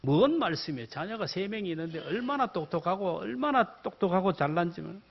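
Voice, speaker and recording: A man's voice: sits high, lively intonation, a little fast, vocal fry, husky, heavily acted. A male pastor voicing a businessman who has lost everything and pleads in despair, on a dull lo-fi recording. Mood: indignant. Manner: pleading, then protesting. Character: despairing ruined businessman, later indignant. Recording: dull lo-fi sound.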